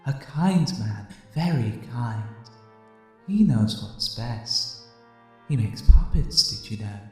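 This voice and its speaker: Man voicing a too calm, creepy doll in echo. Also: medium pitch, voice pushed down. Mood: eerily calm. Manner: too calm, slow, repetitive, eerily sweet praise. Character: creepy doll doppelganger serving its puppet master. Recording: heavy echo, music bed.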